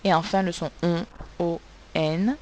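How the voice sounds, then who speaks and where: A woman teaching children to spell in a recorded lesson, speaking slowly and patiently as she sounds out each letter. Her voice sits a little low. A faint hiss runs under the recording. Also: fairly even intonation, darkish tone, poor audio. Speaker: primary school teacher.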